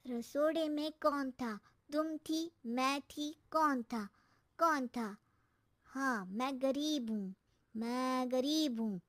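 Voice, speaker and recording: Slow, high-pitched cheeky little boy. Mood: playful. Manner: drawling, smart-alecky. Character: lazy, cheeky schoolboy son who talks back. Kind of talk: animated story dialogue.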